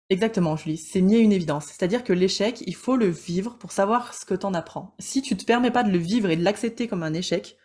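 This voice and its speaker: A woman coach hosting a casual live teaching session, joking with viewers, calling them by name, and talking in quick bursts full of restarts. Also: lowish voice, a little mellow.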